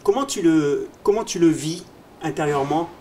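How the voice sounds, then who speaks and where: A man's voice: a little high, animated, moderate pace, mellow, slight background noise. A man interviewing a guest in a casual, familiar way. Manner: friendly, familiar questioning.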